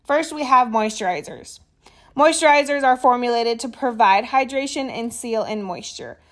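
A woman reading a skincare explainer in a steady way, with small stumbles and casual asides. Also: fairly high pitch, normal speed. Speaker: skincare educator.

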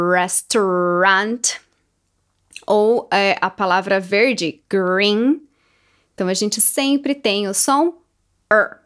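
A woman giving a pronunciation lesson, slowly modeling words for the listener to repeat. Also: medium pitch. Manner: slow, clear, modeling words for repetition. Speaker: English teacher.

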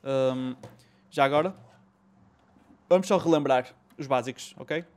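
In a medium-pitched voice that runs a little slow, a European Portuguese-accented man hosts a laid-back conversation about retro games. He talks in slang, curses, and sprinkles in English.

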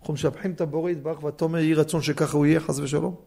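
Rabbi man lecturing in a study hall, high voice w/ a gravelly edge, keeps throwing questions at the class. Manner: animated, fires rhetorical questions at listeners. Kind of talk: Torah law lecture.

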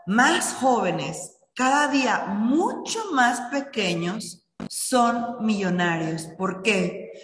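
A middle-aged woman giving an earnest motivational talk that addresses listeners directly. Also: medium pitch. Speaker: speaker on personal finance and habits. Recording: echoey room with long reverb.

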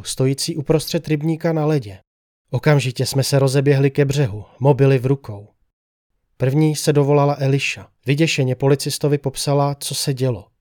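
A man's voice: medium pitch, a little mellow, no room sound. Man narrating a dry-voiced horror tale. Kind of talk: scripted first-person horror story narration.

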